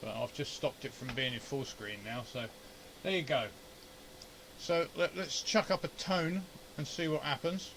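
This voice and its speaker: This man's voice is a little high and unhurried, with background noise behind it. He hosts hobbyist amateur radio videos and is in his home shack for an informal, unscripted equipment demo. Thinking aloud, he grumbles and mutters through the troubleshooting.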